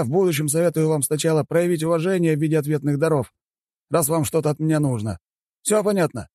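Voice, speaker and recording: A man's voice: on the high side, dry recording, clean studio sound, voice pushed up, lightly acted. A man voicing an arrogant, scornful male head of state in an audiobook, mocking and dismissive. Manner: mocking, dismissive, shouting at times. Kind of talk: audiobook character voice.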